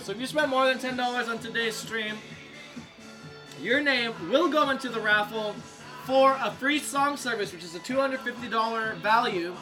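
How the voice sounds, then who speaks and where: A man hosting a casual live cooking stream, loose and excitable, swearing freely and reading viewer comments aloud. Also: extremely high pitch.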